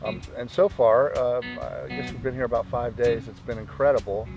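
A man's voice: mid-range voice, steady tone, fairly quick, music in the background. A man, a birdwatching journalist, giving chatty, upbeat interview answers outdoors on a lakeside lawn.

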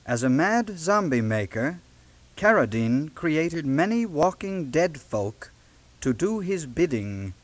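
A children's read-along book from a late-1970s cassette is narrated by a man whose slightly high voice rises and falls dramatically. He tells the story slowly and deliberately, leaning on dramatic emphasis.

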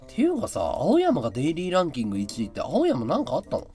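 A male live streamer in casual chat, with a high, carrying voice, explaining his audio setup. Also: wildly swooping pitch, fast, dark tone, faint music behind. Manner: chatty, explains his audio gear and voice tricks. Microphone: desk mic through an audio interface and mixer.

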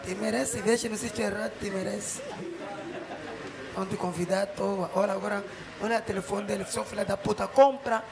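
A man with a remarkably high voice roasts his target in crude, mocking stand-up style. He shifts between shouted jabs and sing-song teasing. A faint audience can be heard behind him. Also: steady tone, brisk, gravelly, a crowd in the background. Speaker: comedian.

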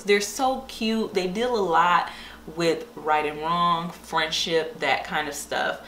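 Speaking to camera in an informal book-vlogger manner, this young woman enthusiastically and casually talks about things she enjoys, her voice mid-range and a bit bright. The setting is a small indoor room with bare walls, giving an echoey sound with a faint hiss behind it.

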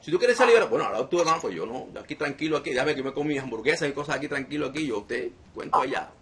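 A man's voice: medium pitch, lively intonation, rapid-fire, crowd noise. A man preaching as a deliverance minister to an online group, emphatic and repeating phrases again and again.

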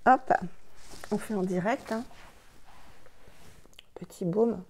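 A woman's voice: mid-range voice, slow pace, darkish tone. A woman beauty vlogger casually unboxing and trying products, chatty and enthusiastic, who talks to herself by name. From France.

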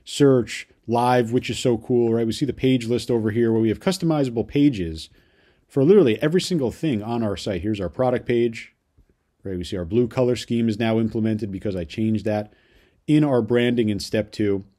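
A young adult man walking viewers through a software tutorial in an upbeat way, often tagging his sentences with "right?". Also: medium pitch, normal speed. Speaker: online business course creator. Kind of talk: screen-share software tutorial.

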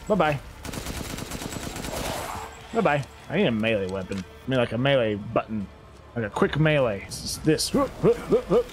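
Animated man joking through a shooter game. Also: medium pitch, moderate pace, pauses often, music in the background. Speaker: gaming channel host. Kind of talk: let's-play commentary. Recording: voice over loud game sound and gunfire. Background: game gunfire and ambience.

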